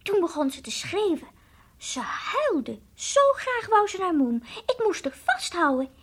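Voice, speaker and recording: A woman's voice: very animated, a little slow, full character voice. A woman voicing a timid, childlike toy dog in an old radio play, earnest and confiding, sometimes whispering. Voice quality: high childlike voice, drops to whispers. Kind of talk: 1960s radio drama acting.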